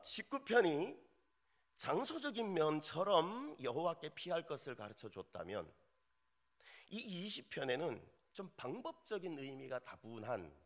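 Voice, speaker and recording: A male associate pastor preaching a sermon, joking with the congregation in an animated way. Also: medium pitch.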